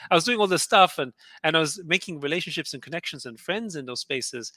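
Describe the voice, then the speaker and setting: Fairly high in pitch, animated and quick, with a sharp tone and no room sound, a middle-aged man tells his story in a casual interview. He is a guest entrepreneur from Austria who grew up speaking German, and he's chatty, laughing often and filling his speech with fillers and restarts.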